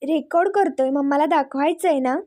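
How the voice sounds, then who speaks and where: A woman's voice: high voice, normal speed, dark tone, lightly acted. A woman reading a coaxing, teasing young husband.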